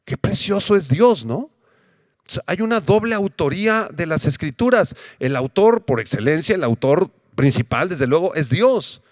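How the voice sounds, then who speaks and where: A man preaching a Bible-teaching sermon as pastor, asking rhetorical questions and answering them himself, and slowing down to repeat key words. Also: fairly high pitch, sing-song, no echo, clean studio sound. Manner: emphatic, repeats key words slowly for note-taking.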